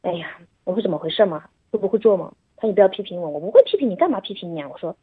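A woman's voice: on the low side, rapid-fire, slightly rough, no echo. A woman, a mother, chatting casually about her son and acting out their conversations. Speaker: mother sharing parenting story. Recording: phone-like, narrow sound.

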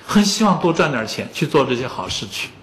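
A man's voice: a little high, sing-song, a little fast, fairly bright tone, slight background noise. A man in his fifties giving a public lecture on music, telling anecdotes and joking with the audience.

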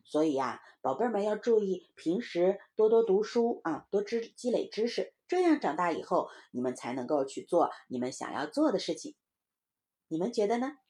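A woman storyteller reading a bedtime story to children, with a soft, coaxing manner. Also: medium pitch, big pitch swings, normal speed. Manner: soft, coaxing, talks to children as little darlings.

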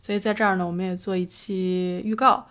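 A woman's voice: on the low side, steady tone, fairly quick, fairly bright tone. A woman hosting a livestream show, announcing an upcoming episode in a reflective, earnest way with frequent hesitations. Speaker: livestream host.

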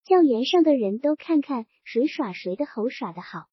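Brief: smug, scheming male township boss, needling then threatening, read by a woman in a high, husky voice. Lo-fi storybook audio. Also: very animated, normal speed, no echo, full character voice. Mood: sly, menacing. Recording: dull lo-fi recording.

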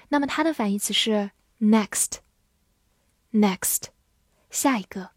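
A woman delivers a scripted vocabulary lesson in a slightly high voice, spelling each word out and repeating it. She talks very slowly and deliberately. The recording is close and dry, with no room sound. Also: darkish tone, no room sound. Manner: slow, deliberate spelling and repetition of words. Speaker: English vocabulary teacher.

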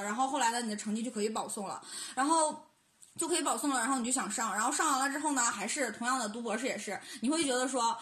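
A woman's voice: a little high, a bit bright. A young adult woman co-hosting a casual podcast chat, rambling and laughing between her points. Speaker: podcast co-host. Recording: roomy echo.

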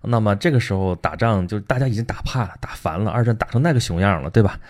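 A man's voice: lowish voice, fast talker, darkish tone. A man hosting a casual history talk, speaking conversationally and tagging his points with rhetorical questions. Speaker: host.

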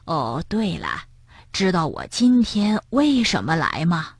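A woman voicing a kind, gentle old grandmother bear in a children's storybook, speaking softly and soothingly. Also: very animated, takes it slowly, husky, dry recording, clean studio sound, exaggerated voice. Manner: soft, soothing, lowered voice.

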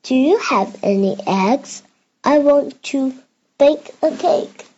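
Child playing friendly storybook birthday bear, high voice, slow deliberate reading, dull recording. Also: female voice, lively intonation, dark tone. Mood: polite.

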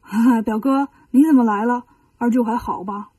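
A woman doing a sulky young alligator demon in a children's storybook, whiny and defiant, in a fairly high, breathy voice. It sounds a little off-mic. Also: normal speed, warm tone, no echo, distant mic. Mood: careless.

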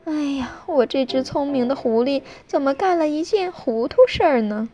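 A woman's voice: sits high, expressive, normal speed, mellow. A woman voicing a clever but flustered male fox who stammers as a reluctant father, in a bedtime storybook reading. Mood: musing. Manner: stammering and sighing.

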